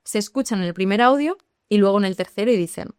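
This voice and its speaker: Lively woman explaining. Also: mid-range voice, quick pace, smooth, no room sound, studio quality. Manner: lively, explanatory, addresses listeners directly. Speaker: English teacher. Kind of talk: podcast conversation.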